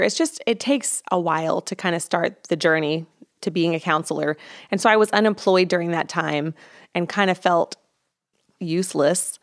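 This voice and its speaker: Counselor in her thirties, low and a bit gravelly, speaking candidly as a guest. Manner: candid, reflective, frequent ums. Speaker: interview guest. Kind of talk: conversational interview.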